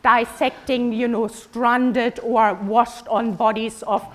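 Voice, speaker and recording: A woman in her fifties from northern Germany, speaking English as a second language with a German accent, giving a relaxed, conversational lecture with frequent ums and self-corrections. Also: fairly high pitch, takes it slowly. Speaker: veterinary cardiology professor giving a lecture.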